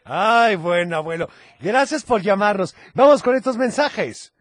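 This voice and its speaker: A man's voice: sits high, expressive, unhurried, dry recording, clean studio sound. A man with a Mexican accent hosting a children's radio show, playful, exclamatory and teasing. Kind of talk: lively kids' radio chat.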